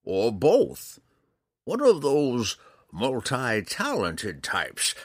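A man voicing a stern, gruff male woodland hermit who scolds in a raised, high voice. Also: huge pitch swings, very slow, no room sound, clean studio sound, exaggerated voice. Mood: scolding.

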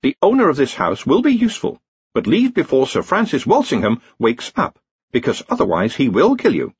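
A man's voice: mid-range voice, huge pitch swings, breathy edge, no room sound, highs cut off, pitched above the performer's own voice, full character voice. A man voicing a prim talking crystal ball. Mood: formal. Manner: formal, measured.

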